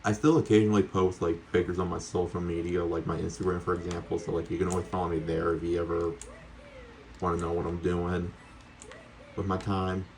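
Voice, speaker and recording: Deep-voiced man chatting through a game, noisy background. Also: level tone, a little fast, gravelly, darkish tone. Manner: chatty, rambling, talks to viewers; casually sweary. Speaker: video game streamer. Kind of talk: casual gameplay commentary.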